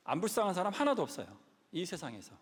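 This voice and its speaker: A man giving a lively sermon-style talk, telling stories and repeating key lines for emphasis. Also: sits high, quick pace. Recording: long hall reverb.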